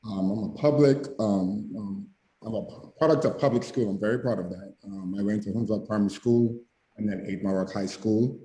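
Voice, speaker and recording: A Bahamian man gives a relaxed account of his own background as a guest presenter, pausing often on fillers. His voice sits low and warm. It comes through a video call from an echoey room. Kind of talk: casual personal background talk.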